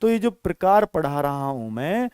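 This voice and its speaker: A man's voice: a little high, big pitch swings, moderate pace, darkish tone, smooth, no echo, studio quality. A man teaching an exam-prep grammar lesson, calling the students children and often checking that they follow. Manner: addresses students as children, asks checking questions. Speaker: Hindi teacher.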